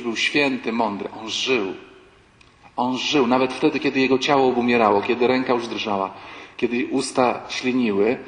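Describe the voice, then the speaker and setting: A male priest giving a sermon-like talk, telling anecdotes with animated storytelling and acting out the people in them. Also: mid-range voice. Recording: echoey hall with long reverb, faint background ambience.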